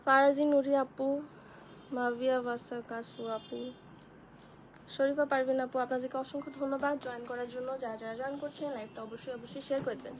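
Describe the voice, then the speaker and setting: A high-voiced woman hosts a live online clothing sale. She chats with viewers, greets them by name and walks through each dress. A faint noise runs under the recording. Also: steady tone, fairly quick, low-quality recording. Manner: chatty, addresses viewers as sisters, greets commenters by name. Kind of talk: live-stream product showcase.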